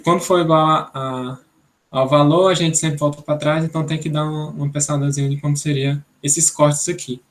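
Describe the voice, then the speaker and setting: Young man from Brazil, programming instructor, raised pitch, patient, thinks aloud. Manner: explanatory, thinks aloud, many "né?" tags. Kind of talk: online programming class.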